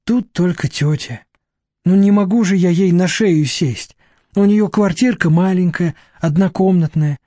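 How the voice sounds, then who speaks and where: A man's voice: high-pitched, unhurried, warm tone, dry recording, voice pushed up. A man reading an audiobook, voicing a timid young woman who talks in a plaintive, pleading way. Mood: agitated. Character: timid young woman, fearful and self-pitying.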